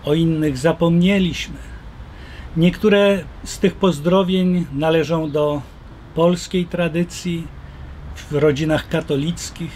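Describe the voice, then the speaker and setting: An older man, a Jesuit priest, explaining calmly and slowly to the camera outdoors. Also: a little high, slight background noise. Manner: slow, measured, explaining. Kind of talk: calm talk to camera. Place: outdoors by a wooden fence.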